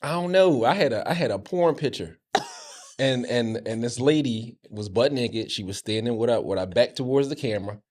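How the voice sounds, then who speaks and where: A man's voice: mid-range voice, lively intonation, normal speed, a little mellow. A man co-hosting a casual podcast, telling candid, profane stories with many stammered restarts. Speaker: co-host.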